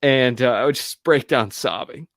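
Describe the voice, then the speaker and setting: Halting, candid male radio guest. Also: medium pitch, creaky, fairly bright tone, dry recording, studio quality. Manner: halting and candid, many restarts and fillers. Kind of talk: personal storytelling in an interview.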